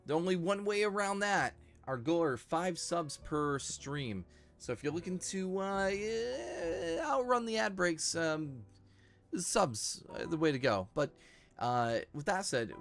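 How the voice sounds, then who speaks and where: A man's voice: a little high, fairly bright tone. A man hosting a livestream, chatting casually in an easygoing way and thanking viewers. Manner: easygoing, brief agreeing replies. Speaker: streamer host.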